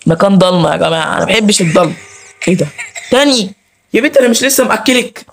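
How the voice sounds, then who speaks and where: A man's voice: sits high, animated, very fast, gravelly, fairly bright tone. A man with an Egyptian accent hosting a let's play, chattering nervously to viewers and pleading with the game character. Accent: Egyptian Arabic. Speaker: gaming channel host.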